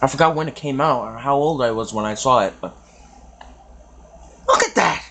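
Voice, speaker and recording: A man's voice: medium pitch, fast, a bit bright. Young adult male reaction host, hesitant and rambling, mid-range voice, light background hiss. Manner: rambling, hesitant, full of fillers. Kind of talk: casual reaction commentary.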